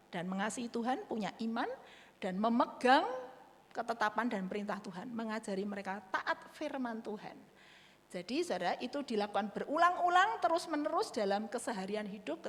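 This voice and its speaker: A middle-aged woman giving a sermon on parenting, animated, addressing the congregation directly. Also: a little high. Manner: animated, acts out parent-child dialogue. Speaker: speaker on parenting. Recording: hall with long reverb.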